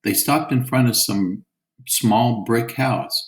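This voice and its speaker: A man reading a children's chapter book aloud, with slow, clear storytelling. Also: mid-range voice.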